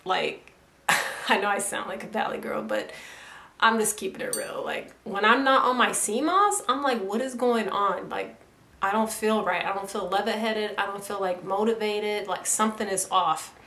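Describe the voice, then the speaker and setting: A woman's voice: medium pitch, normal speed, pushed and bright. A young woman, chatting enthusiastically in a casual product review vlog and filling her talk with "like". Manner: chatty, enthusiastic, fills speech with "like". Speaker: YouTuber. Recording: echoey room.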